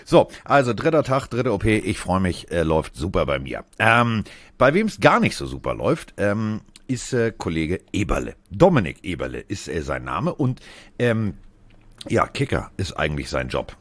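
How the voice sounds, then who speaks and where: A man's voice: deep voice, very animated, moderate pace, no echo. A man co-hosting a casual podcast from a hospital room; his speech is slurred after facial surgery and he struggles with F sounds, joking about himself. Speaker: podcast co-host. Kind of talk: casual chat.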